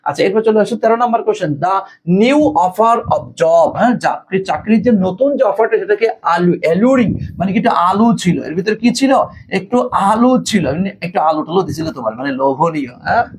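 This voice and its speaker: A man's voice: high-pitched, expressive, fast talker, slight background noise. A man teaching English grammar in an online class, repeating phrases and often checking whether the students follow. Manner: repeats phrases, keeps asking students to confirm.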